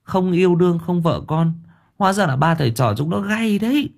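A man's voice: high voice, expressive, fairly quick, gravelly, voice pushed up, full character voice. A man voicing a nosy middle-aged village woman gossiping with a sigh. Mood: gossipy.

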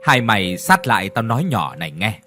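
A man voicing a secretive old male former exorcist who talks low and confiding. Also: big pitch swings, fairly quick, sharp tone, slight background noise. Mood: hushed, grave.

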